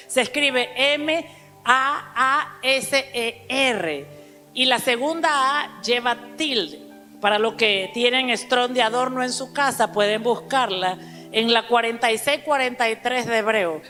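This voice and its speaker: A woman preaching a sermon to a congregation, emphatic, calling out to the listeners and spelling out words slowly. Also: fairly high pitch, fairly bright tone. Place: church hall. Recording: church hall reverb with faint music.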